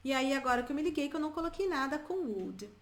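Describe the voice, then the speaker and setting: A Brazilian woman teaching English to viewers, chatty and repeating example phrases slowly for learners. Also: sits high, expressive, echoey room. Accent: Brazilian Portuguese. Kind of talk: bilingual English lesson, addressing viewers.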